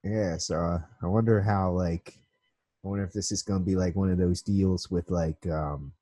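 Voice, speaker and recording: A man's voice: low voice, steady tone, normal speed, mellow, no echo. A man hosting a casual podcast chat about movie trailers, laid-back and full of fillers. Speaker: podcast host.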